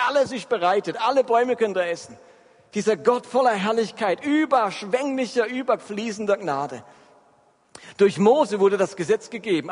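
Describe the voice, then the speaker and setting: A man delivers a sermon and keeps turning to his listeners with questions to check they are following. His voice sits high and sounds a little husky. A long reverb from the hall trails behind every phrase. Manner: addresses the congregation with frequent check-in questions. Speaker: preacher.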